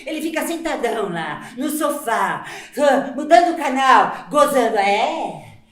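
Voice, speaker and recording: A fiery, overworked housewife. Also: female voice, expressive, unhurried. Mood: aggrieved. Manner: emotional, swings from hushed pleading to shrill outbursts. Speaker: stage actress in a monologue. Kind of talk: live stage theater acting. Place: theater stage. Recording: echoey theater stage.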